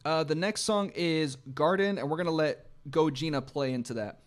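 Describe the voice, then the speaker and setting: A man's voice: on the high side, moderate pace. Thoughtful man breaking down songs. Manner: thoughtful, analytical, occasional restarts. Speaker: music reaction host. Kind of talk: reflective song breakdown.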